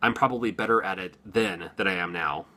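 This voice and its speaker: Speaking quickly in a low, sharp-toned voice, a Washington-based gaming YouTuber in his forties rambles at the camera with no script. He keeps it chatty, peppered with ums and little laughs for his viewers.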